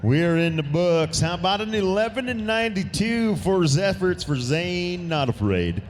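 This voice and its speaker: A man's voice: sits high, lively intonation, a little hiss or hum. Upbeat rodeo announcer man. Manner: quick, upbeat calls with easy laughter. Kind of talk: live rodeo commentary and banter.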